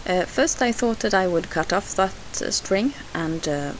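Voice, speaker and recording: Narrating her scrapbooking process, the Swedish host speaks with a Swedish accent in a mid-range, animated voice at a measured pace. She's hesitant, restarting and filling pauses with "uh." The audio is poor, a hissy home voice-over.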